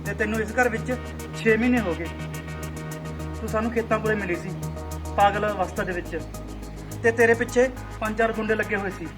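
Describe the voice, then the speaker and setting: A man playing a kind young man who gently coaxes a grieving woman to eat in a short film. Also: high voice, close to an everyday voice. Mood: explaining. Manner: coaxing, gentle and persistent. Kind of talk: amateur short film acting. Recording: loud music behind.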